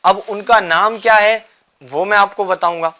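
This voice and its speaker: A man hosting a children's religious show, coaxing the kids with repeated questions and gentle teasing. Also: sits high, fairly even intonation. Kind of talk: quizzing children in a studio class.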